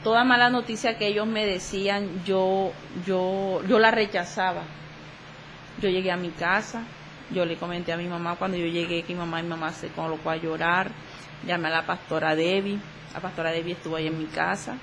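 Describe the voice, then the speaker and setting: A woman giving an emotional religious testimony on the radio, halting and repeating herself as she acts out the dialogue she quotes. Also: fairly low pitch, fairly even intonation, noisy background.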